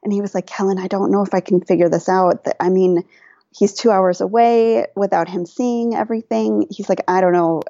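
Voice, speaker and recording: A woman guest on a podcast telling a personal story in casual chat, animated, laughing often and quoting herself and others. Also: medium pitch, brisk, vocal fry, dry recording, muffled recording.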